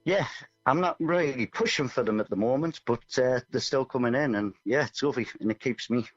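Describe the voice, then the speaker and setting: Speaking briskly at medium pitch, a man chats as a musician guest on a casual radio interview, wandering off topic and poking fun at himself. His voice comes through dull and muffled over music.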